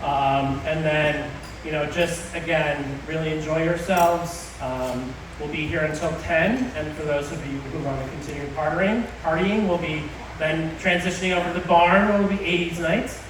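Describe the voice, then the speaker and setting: A man giving an informal wedding toast as the groom, speaking haltingly to his guests. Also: fairly high pitch. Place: large reverberant venue with guests. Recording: echoey hall from far off, noisy crowd.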